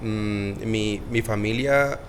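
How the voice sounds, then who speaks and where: A man's voice: lowish voice, slow, a little hiss or hum. A Costa Rican man, a doctor and podcast guest, talking casually with many fillers. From Costa Rica. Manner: hesitant, many fillers and tag questions. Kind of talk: casual interview chat.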